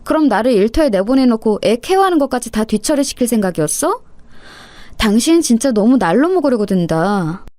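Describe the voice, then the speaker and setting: Worn-out young working wife, snapping back at her in-laws, played by a woman reader; high and tense. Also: big pitch swings, brisk, no room sound. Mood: resentful. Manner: sharp, exasperated retorts.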